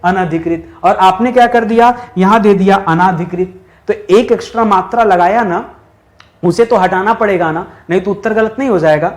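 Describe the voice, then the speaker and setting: High-voiced man teaching a chatty lesson. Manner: drills with repeated questions and answers; brisk and chatty, teasing students. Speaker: Hindi teacher. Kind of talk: online exam-prep lesson.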